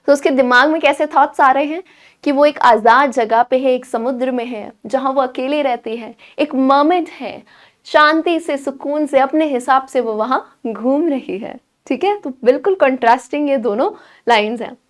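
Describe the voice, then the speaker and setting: Young woman teacher, high bright voice, patient, explains a poem step by step. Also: moderate pace. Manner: explains patiently, keeps checking in with students. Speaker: English teacher. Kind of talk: Hinglish poetry lesson.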